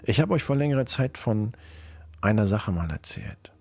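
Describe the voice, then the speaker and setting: A man telling horror stories on a livestream in calm, hushed narration. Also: on the low side, normal speed, gravelly, dry recording. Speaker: horror storyteller.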